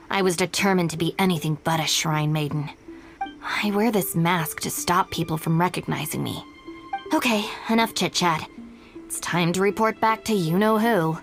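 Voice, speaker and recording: Cool, low-pitched, blunt young woman. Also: a little slow, faint music behind. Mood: dry, weary. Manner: matter-of-fact, dry, businesslike. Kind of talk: English game voice acting.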